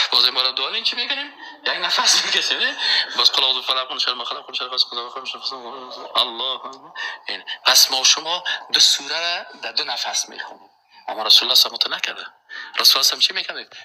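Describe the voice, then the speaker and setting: Bright-voiced man preaching emphatically. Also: a little high, low-quality recording. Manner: recites verses slowly, then rises to emphatic exclamations. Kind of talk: religious lecture.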